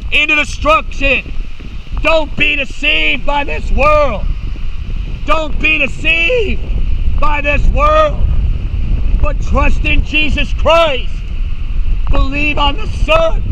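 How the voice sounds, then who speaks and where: A man preaching in the open air, slow and emphatic, repeating his phrases, recorded on a body camera in the rain. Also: extremely high pitch, bright, forceful tone, poor audio. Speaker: street preacher. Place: outdoors at a gas station in heavy rain. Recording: outdoor camera mic with wind and rain noise.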